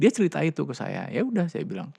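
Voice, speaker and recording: A psychologist appears as a guest, telling client stories in casual conversation and animatedly acting out the voices of the people involved. His voice is on the high side, creaky and husky, and he talks quickly. The recording is dry.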